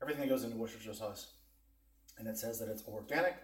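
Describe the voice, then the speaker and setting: A man's voice: on the low side, very fast. A man hosting a casual cooking vlog, chatting to viewers in a folksy way. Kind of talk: casual taste-test and cooking demonstration. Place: indoors in a kitchen. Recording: roomy echo, distant microphone.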